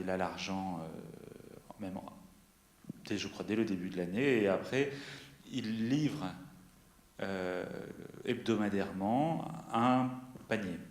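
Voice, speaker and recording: Man with a lowish voice, hesitant explainer at a public talk, roomy echo. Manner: hesitant, pausing mid-sentence. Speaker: panel speaker, consumer association member. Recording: echoey room.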